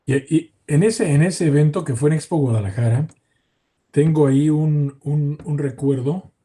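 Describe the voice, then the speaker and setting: A man hosting a casual interview, sharing an anecdote in an unhurried way. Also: on the high side, warm tone, husky. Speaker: host.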